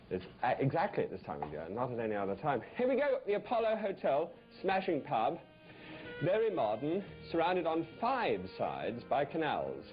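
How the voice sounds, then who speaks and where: A man's voice: medium pitch, muffled recording. A man hosting a TV cooking show in front of a live studio audience, joking and teasing the audience as he talks. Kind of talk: comic cooking show monologue.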